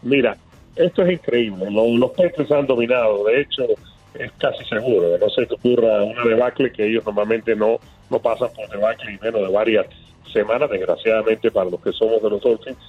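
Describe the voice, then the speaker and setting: Male analyst calling in, phone-line sound, husky voice, excitable storyteller. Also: fairly low pitch, brisk, faint music behind. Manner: animated storyteller, frequent fillers and restarts. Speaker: team analyst, guest on phone.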